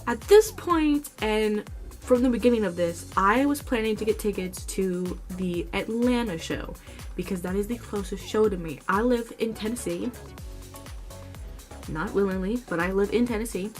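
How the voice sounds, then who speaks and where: A young woman vlogger casually retelling a story to camera in a chatty, expressive way. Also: mid-range voice.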